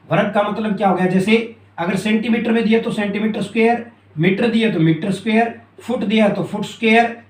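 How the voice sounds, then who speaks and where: A man teaching a math lesson at a board, repeating key terms and often asking if it is clear. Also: high-pitched. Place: classroom with a board. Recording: echoey room.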